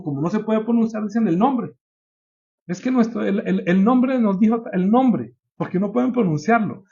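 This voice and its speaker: A man preaching a sermon, climbing to high emphatic peaks and putting questions to his congregation. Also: warm tone, muffled recording.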